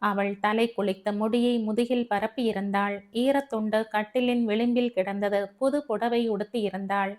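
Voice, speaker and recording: A woman narrating a family novel as an audiobook, telling it in a steady way. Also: mid-range voice, normal speed, few pauses. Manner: steady storytelling. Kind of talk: scripted narration.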